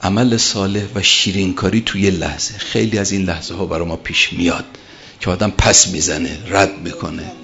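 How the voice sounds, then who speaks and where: Man preaching a storytelling sermon; deep, gravelly delivery, emphatic and repetitive. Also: little pitch movement, pushed and bright, highs cut off, slight background noise. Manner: emphatic, repeats key phrases.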